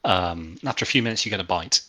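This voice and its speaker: Male game master, low but forceful tone, halting improvised narration.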